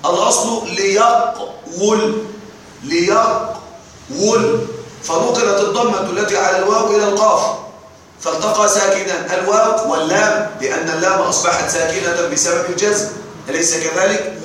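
A man's voice: sits high, steady tone, fast, a bit bright. A man teaching a classroom lesson on grammar verse, explaining step by step and often checking that the class is following. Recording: echoey room, distant mic, faint noise.

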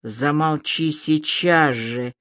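A man's voice: sits high, expressive, a little slow, a bit bright, dry recording, studio quality. A reader doing an angry, commanding man. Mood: cold. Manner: harsh and cutting.

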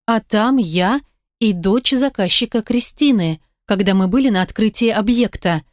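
Женщина читает роман ровным голосом. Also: female voice, mid-range voice, moderate pace, no echo, studio quality. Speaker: audiobook reader. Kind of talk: scripted narration.

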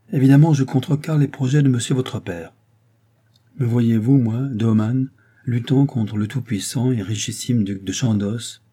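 A man's voice: lowish voice, mellow, slightly rough. A man voicing a sly, scheming middle-aged man who feigns humble servility, talking in a fawning, wheedling way.

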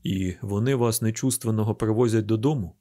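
A man's voice: fairly low pitch, a little fast, dark tone, lightly acted. A man voicing a troubled grown son in an audiobook drama reading, speaking with restraint and earnest feeling. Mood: probing.

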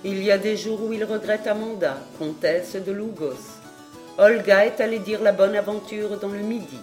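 A woman reads a detective novel aloud in a steady, measured voice. Her pitch sits at a middle level. Faint music plays behind her. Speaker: audiobook narrator. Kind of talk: scripted narration of a novel.

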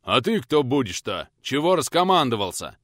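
A man voicing a bearded village craftsman, a blustering bully who turns shrill and whining in rustic speech. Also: sing-song, moderate pace, a bit bright, no echo, clean studio sound. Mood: sneering threats.

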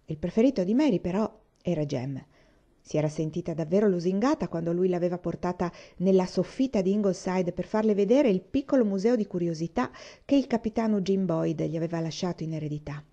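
Mellow woman reading a novel aloud. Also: on the low side, muffled recording. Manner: calm, even storytelling narration. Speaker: audiobook reader.

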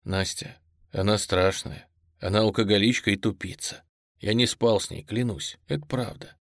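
Blunt young man, gruff and clipped, hushed delivery, performed by a man; dry, close audiobook booth. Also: fairly low pitch, fairly even intonation, normal speed, no echo, close to an everyday voice. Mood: bitter.

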